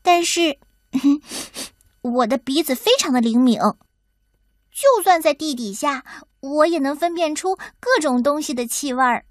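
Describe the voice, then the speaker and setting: A woman voicing a gentle little female mole who stammers and cannot see well. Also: high-pitched, measured pace, dry recording, studio quality. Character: little female mole, poor-sighted, sharp-nosed, gentle.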